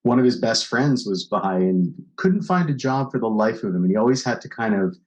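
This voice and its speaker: Speaking on the low side, animated and fairly fast, a forties-aged man from Canada chats casually as a podcast guest. His storytelling drifts and rambles, with plenty of fillers along the way.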